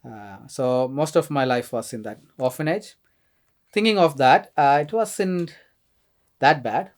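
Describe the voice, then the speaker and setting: A middle-aged priest from Kerala, a native Malayalam speaker with an Indian accent, talks unhurriedly at a medium pitch during a casual podcast interview. He is soft-spoken and hesitant, using lots of fillers and laughing often.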